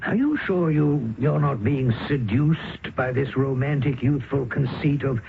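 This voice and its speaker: On an old 1970s radio drama recording with narrow, tinny audio and background noise, an actor voices a worldly, dryly ironic male writer who also narrates. His mid-range voice is creaky and his pace measured.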